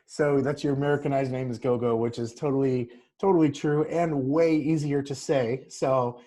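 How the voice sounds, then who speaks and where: A man hosting a podcast, asking questions in a relaxed, friendly way with frequent restarts. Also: mid-range voice, normal speed. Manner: easygoing, repeats and restarts, friendly. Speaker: podcast host. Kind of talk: casual interview.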